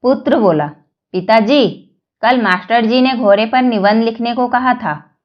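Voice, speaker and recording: A woman reading a series of short jokes aloud, telling them slowly and evenly with the quoted lines. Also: fairly high pitch, roomy sound, lo-fi sound. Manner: slow, even joke telling with quoted lines. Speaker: joke narrator.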